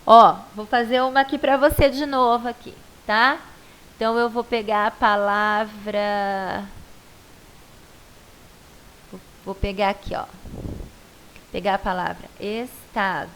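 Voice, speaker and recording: A woman's voice: medium pitch, steady tone, unhurried, pauses often, a bit bright, clean tone, low-quality recording. A Brazilian woman primary school teacher giving a patient, coaxing video lesson to a child, stretching out syllables to show stress.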